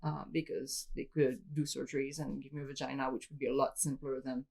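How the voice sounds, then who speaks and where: A woman's voice: a bass voice, little pitch movement, brisk, gravelly, darkish tone. A woman from Switzerland, a guest in an interview, explaining her story in an open, matter-of-fact way. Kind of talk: candid personal interview.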